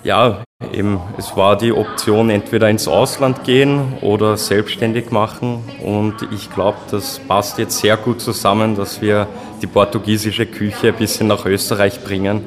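A young man who owns a restaurant and serves as its head chef answers interview questions casually in the dining room, plainly laying out his concept. His voice is fairly low and level at a normal speed, with a big-room sound and music in the background.

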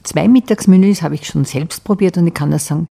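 A woman's voice: lowish voice, quick pace, gravelly, dark tone. A woman with an Austrian accent, a local radio reporter asking chatty, friendly interview questions. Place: restaurant dining room.

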